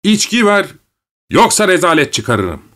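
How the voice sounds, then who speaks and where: A man voicing a young male peasant conscript, desperate and volatile, who pleads bitterly and then yells wildly. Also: medium pitch, expressive, moderate pace, pitched above the performer's own voice, lightly acted. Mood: raging, shouting.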